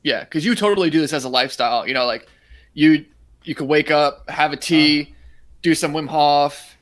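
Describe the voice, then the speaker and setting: A man's voice: a little high, normal speed, a bit bright. A man hosting a casual interview, chatty and loose, full of "like" and "you know". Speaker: host, course creator. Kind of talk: casual conversation.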